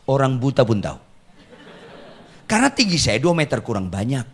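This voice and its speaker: A male pastor preaching in a church with a very animated, swooping voice of middle pitch. He jokes at his own expense and jumps between loud bursts and quiet asides. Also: moderate pace. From Batak, Indonesia. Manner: joking, self-mocking, with sudden loud outbursts and soft asides. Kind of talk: humorous sermon. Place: church sanctuary.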